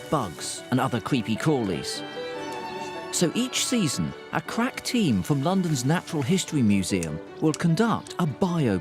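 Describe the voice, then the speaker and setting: Very expressive male documentary narrator. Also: medium pitch. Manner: measured, explanatory. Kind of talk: scripted narration. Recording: voice-over with music. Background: music.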